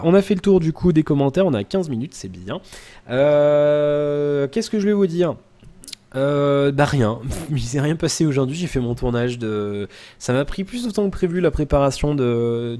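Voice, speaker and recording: Rambling French-speaking man, soft mellow voice. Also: medium pitch. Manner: rambling, many "euh" fillers and restarts; addresses the viewer informally. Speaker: YouTuber answering viewer comments. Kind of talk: casual daily vlog chat.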